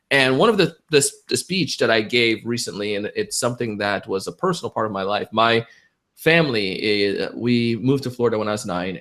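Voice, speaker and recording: A man's voice: medium pitch, fairly bright tone. A man from Jamaica, a public speaking champion, talking enthusiastically as a guest in a webinar interview over a video call.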